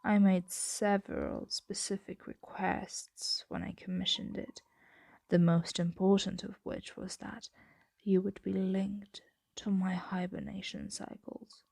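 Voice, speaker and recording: This female performer gives an exaggerated, animated turn as a possessive dragon who dotes on the listener in close ASMR roleplay. Soft, deliberate, and often whispered, her medium-pitched voice is gravelly, the sound is dry, and she comes across as calmly insistent.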